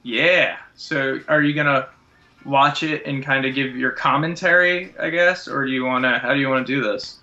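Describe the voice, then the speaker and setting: Male co-host, mid-pitched and bright, casual chat, muffled internet-call sound. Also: steady tone, moderate pace. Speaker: podcast co-host. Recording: dull, lo-fi internet call audio.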